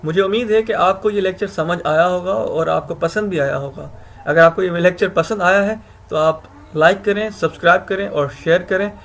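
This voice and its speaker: Male grammar teacher, slightly high-pitched, talks through rules with frequent self-corrections. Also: moderate pace, gravelly, fairly bright tone. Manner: explains step by step, asks himself questions, self-corrects with "sorry". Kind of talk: recorded video lecture.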